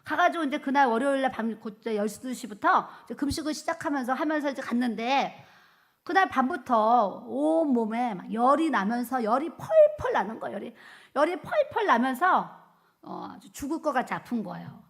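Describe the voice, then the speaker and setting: Woman pastor telling a testimony, higher voice. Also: normal speed. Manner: lively storytelling, acts out quoted speech. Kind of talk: testimony sermon.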